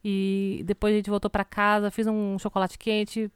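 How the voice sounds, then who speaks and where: A woman's voice: mid-range voice, completely flat delivery, normal speed, clear, resonant tone, no room sound, studio quality. A woman chatting casually about home life, talking in long loose runs with lots of filler words. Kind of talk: casual chat. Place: home in Canada.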